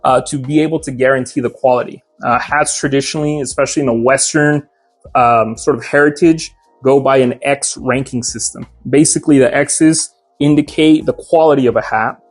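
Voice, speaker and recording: A man's voice: medium pitch, steady tone, fairly quick, faint music behind. A young man who owns a hat shop, talking casually in an interview and explaining his craft step by step with lots of "uh"s. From Mexico. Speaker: hat maker and shop owner.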